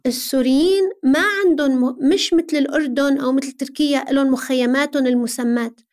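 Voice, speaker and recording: High-pitched Syrian woman explaining earnestly. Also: fairly even intonation, quick pace, a little mellow. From Syria, Aleppo. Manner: earnest, explanatory, with rhetorical questions. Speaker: interview guest. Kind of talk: conversational interview, explaining.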